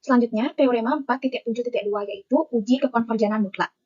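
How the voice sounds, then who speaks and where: A woman's voice: a little high, fast talker, a little mellow, breathy edge, muffled recording. A young woman, a university student, reads her math lecture notes aloud and works through the formulas one term at a time.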